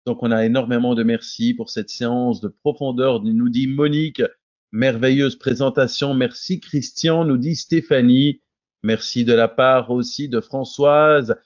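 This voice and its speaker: A man's voice: medium pitch, fairly even intonation, unhurried. A man hosting a video-call webinar, thanking the speaker and reading out audience comments. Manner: reads audience thanks aloud. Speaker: webinar host. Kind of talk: webinar moderation. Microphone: video call mic. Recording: dull lo-fi call audio.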